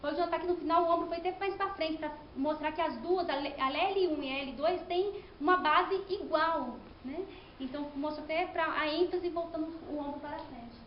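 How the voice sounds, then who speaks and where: Woman, very high voice, giving a thesis presentation in an echoey room with somewhat dull sound. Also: moderate pace, slight background noise. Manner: explanatory, with frequent "né?" and restarts. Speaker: student presenting her thesis. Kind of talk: academic presentation.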